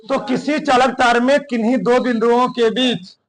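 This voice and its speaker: A male teacher giving a classroom lesson, dictating slowly and repeating phrases while asking the class questions. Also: extremely high pitch, slight background noise, poor audio.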